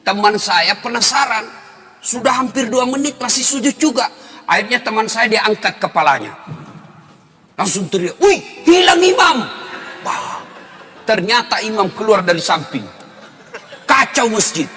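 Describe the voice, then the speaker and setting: A male preacher tells comic stories in an animated sermon and leaps to high shouts at the punchlines. His voice is bright and tense and sits a little high. Long reverb trails behind him, with faint music underneath. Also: moderate pace. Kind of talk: humorous sermon storytelling.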